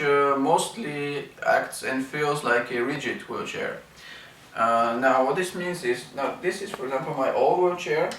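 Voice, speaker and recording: A Bulgarian man in his 30s, a vlogger, gives casual first impressions of his wheelchair, slow and halting with many ums and uhs. His voice is medium-pitched and fairly bright. The room is echoey, the mic sits at a distance, and there's faint hiss.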